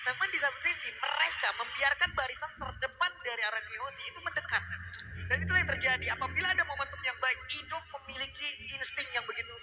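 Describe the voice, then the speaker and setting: A man with an Indonesian accent giving fast commentary as an esports shoutcaster. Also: very high voice, heavy background noise. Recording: loud music behind the voice.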